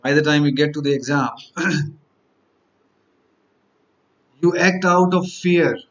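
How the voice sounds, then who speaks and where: A man's voice: fairly high pitch, slow pace, a bit bright, dull audio. A man, teaching exam candidates in a motivational lecture, stacking up rhetorical questions and repeated lists.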